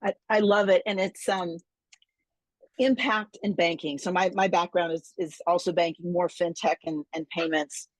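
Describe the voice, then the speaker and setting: A woman with a slightly low voice hosts a friendly interview with clear enthusiasm. She often doubles words as she restarts her sentences, and her voice sounds dry and close. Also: fairly even intonation, moderate pace, no echo. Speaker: host, interviewer.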